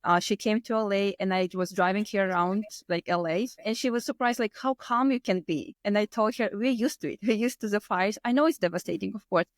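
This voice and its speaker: Speaking a little fast with few pauses, this mid-range voice belongs to a Latvian-accented woman in her thirties. As a podcast guest she shares personal stories casually, her English non-native and loose in grammar and word order, and the recording is dry.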